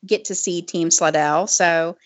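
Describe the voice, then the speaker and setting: A woman with a cackling laugh, co-hosting a casual chat podcast as an animated storyteller. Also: fairly low pitch, a little slow, no echo. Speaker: podcast co-host. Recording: slightly dull lo-fi audio.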